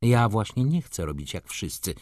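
A man's voice: fairly low pitch, sing-song, moderate pace, darkish tone, no room sound, clean studio sound. A man reading an audiobook, voicing a haughty, capricious society lady who talks in an offended, reproachful, coquettish way.

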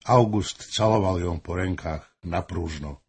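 A male audiobook narrator reads a historical novel in a measured, unhurried way. His voice sits low and is very husky and breathy, with an even storytelling delivery.

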